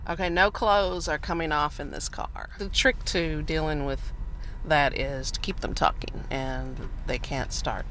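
A woman's voice: deep voice, fairly even intonation, a little slow, fairly bright tone. A woman from Nashville, a taxi driver chatting casually with a rider in her cab and laughing easily. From Nashville, Tennessee. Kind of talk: casual chat during a ride. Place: inside a taxi at night. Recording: car interior with faint street noise.

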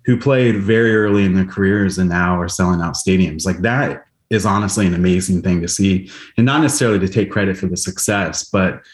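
A man's voice: sits low, a little fast, hardly any pauses. A man who organizes a music event, speaking in a reflective, enthusiastic way on a radio interview. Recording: roomy echo.

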